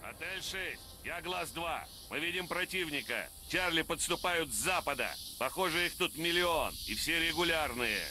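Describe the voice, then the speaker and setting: A man's voice: a little high, lively intonation, moderate pace, sharp tone, a little hiss or hum. An actor playing a male soldier scout giving a terse, clipped report over a military field radio. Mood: tense. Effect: military field radio transmission. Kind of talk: dubbed video game dialogue.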